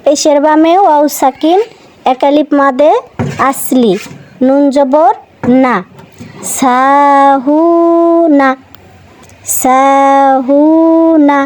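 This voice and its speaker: A woman teaching Quran reading to children in a slow, patient lesson, spelling out each letter and vowel mark, then repeating the syllable. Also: sits high, fairly even intonation, a little mellow, slight background noise, low-quality recording. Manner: asks the listeners questions and answers them herself.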